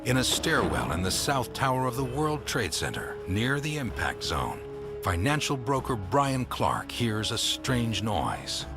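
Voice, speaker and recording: A man reads documentary narration with a grave, measured delivery. His mid-pitched voice moves a good deal from phrase to phrase. Music plays clearly underneath him. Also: sing-song.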